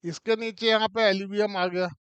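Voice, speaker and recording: A man teaching mining, explaining a model step by step in a relaxed classroom way and often checking in with the listener. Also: high voice, a little slow, clear, resonant tone, no echo, dull audio.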